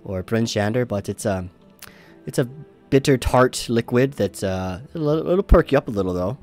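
A man's voice: mid-range voice, lively intonation, normal speed, a little mellow, faint music behind, pitched above the performer's own voice, lightly acted. A man voicing a fussy middle-aged woman barmaid at a tavern, stammering and flustered. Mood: prim.

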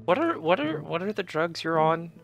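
A man's voice: fairly high pitch, sing-song, moderate pace, a bit bright, faint music behind. A teenage boy recording himself chatting while gaming, incredulous and laughing at his friend. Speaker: gamer recording the video. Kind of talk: casual gaming chat.

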